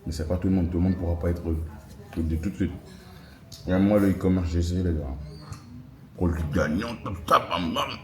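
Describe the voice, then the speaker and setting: This deep-voiced young man, in his twenties with a French accent, speaks fairly quickly but with long pauses while vlogging casually in an airport lounge. He is slangy and chatty, addressing viewers as "les gars," with music and noisy airport ambience behind him.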